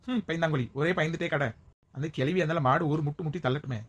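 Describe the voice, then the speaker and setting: A bold, outspoken village woman, sharp-tongued and joking, played by a woman. Her voice sits somewhat low and she speaks very fast. It is a village comedy skit.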